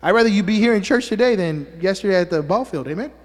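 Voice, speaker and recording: This pastor's voice sits high and is expressive, and he talks fast, with a big-room sound around him in the church sanctuary. A native Spanish speaker, he preaches to his congregation, teasing them with jokes and asking "amen?" again and again.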